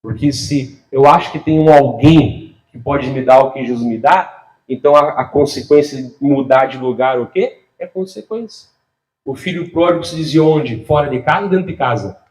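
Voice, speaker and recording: A man preaching a sermon as a pastor, animated, swinging between loud and soft, laughing often and speaking straight to the congregation. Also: mid-range voice, normal speed.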